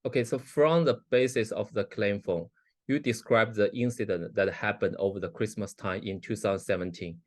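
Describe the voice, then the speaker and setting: A man in a mock hearing, asking formal questions in a measured way. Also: on the low side, no echo, studio quality.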